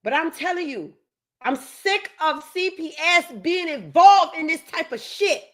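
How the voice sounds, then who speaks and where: Lady ranting to her viewers, super high bright voice, keeps saying stuff twice. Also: animated, measured pace. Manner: emphatic, keeps repeating herself for stress. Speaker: commentary host.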